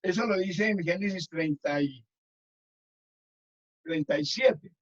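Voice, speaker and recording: A man's voice: sits high, slow pace. A man, a minister telling a testimony with many restarts in a Sabbath school lesson. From Colombia. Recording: dull lo-fi recording.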